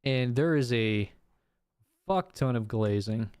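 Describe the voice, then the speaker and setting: A man's voice: medium pitch, slow, clear, resonant tone, no echo, clean studio sound. A man streaming, reading a document of messages aloud with casual commentary and the odd outburst. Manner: reads text flatly, breaks off with swearing and laughs.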